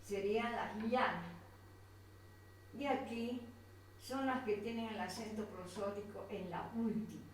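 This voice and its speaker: A woman teacher with a Colombian accent patiently guides a pupil through a grammar worksheet, slowly repeating herself and pointing at each item on the page. Her mid-range voice has fairly even intonation, runs a little slow, and pauses often. She sounds distant and off-mic in a very echoey room, with faint noise.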